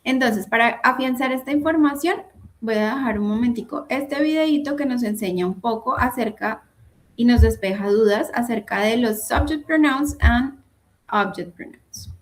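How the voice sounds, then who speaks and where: A woman's voice: on the high side, normal speed. A woman giving an online English grammar lesson, patiently repeating and spelling out each example. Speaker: English teacher.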